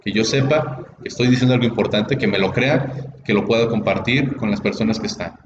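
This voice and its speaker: A man's voice: lowish voice, fairly quick. A man teaching a class on speaking in public, explaining step by step and often checking that his students follow. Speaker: workshop instructor. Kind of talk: classroom lecture. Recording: echoey room, dull audio, background noise.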